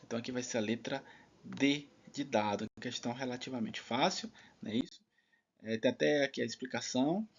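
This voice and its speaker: Man, online teacher, chatty, husky voice, dull muffled recording. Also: mid-range voice, brisk. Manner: chatty, many filler tags. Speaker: online exam-prep teacher. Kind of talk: casual spoken lesson.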